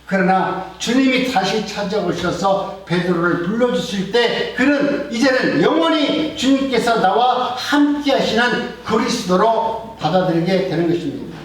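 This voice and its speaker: A high-voiced middle-aged male pastor preaches earnestly, his volume swelling and then sinking low. He sounds set back from the mic, and his words ring through a very echoey church hall. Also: animated, a little slow, hardly any pauses, far from the mic. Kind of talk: sermon. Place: church sanctuary.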